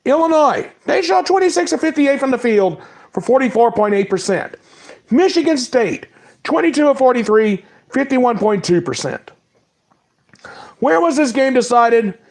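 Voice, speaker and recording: A sports talk host with a cold delivers a casual, animated recap monologue in a high voice. He rattles off stats in quick lists and apologizes when he mispronounces names.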